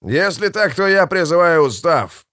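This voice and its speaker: A man doing a gruff, scornful warrior. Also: animated, a little slow, fairly bright tone, no echo, studio quality. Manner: blunt, rumbling. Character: gruff, tiger-eyed male warrior, scornful.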